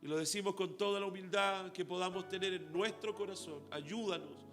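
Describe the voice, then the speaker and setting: A man's voice: high voice, a little fast, fairly bright tone, soft background music. A pastor with a Chilean Spanish accent leading an earnest spoken prayer, repeating "Lord" between his phrases.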